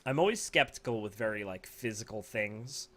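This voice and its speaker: A man's voice: on the low side, animated, moderate pace, fairly bright tone. A man co-hosting a casual podcast, joking and teasing his partner. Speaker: co-host.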